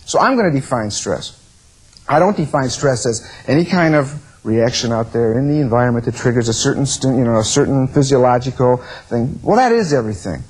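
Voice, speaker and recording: A man's voice: mid-range voice, fairly quick, husky, low-quality recording. A middle-aged man giving a lecture on stress at a workshop, acting out what others say. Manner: animated, acts out quotes of others. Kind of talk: lecture to an audience.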